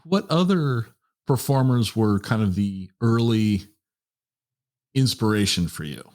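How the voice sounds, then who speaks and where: A man hosting an interview, asking questions in a halting way with restarts. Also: lowish voice, expressive, a little mellow. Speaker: interviewer, host.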